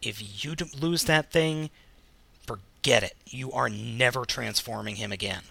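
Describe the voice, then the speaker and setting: A man's voice: mid-range voice, unhurried, gravelly, sharp tone, breathy edge, no echo. An American man co-hosting a casual podcast chat, talking in a slangy, emphatic, jokey way. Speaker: podcast co-host. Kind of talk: casual chat about toy news.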